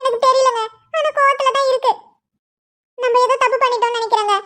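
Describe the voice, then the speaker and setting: A woman's voice: extremely high pitch, fairly even intonation, quick pace, sharp tone, pitched above the performer's own voice. A woman voicing a worried, devout grandmother in a cartoon, with a pleading manner. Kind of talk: cartoon voice acting.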